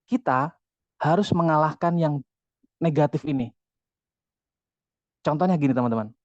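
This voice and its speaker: A man giving a motivational talk to an online audience, energetic and repetitive, constantly turning to his listeners. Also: fairly high pitch, moderate pace, no echo. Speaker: motivational speaker. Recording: dull, dry lo-fi audio.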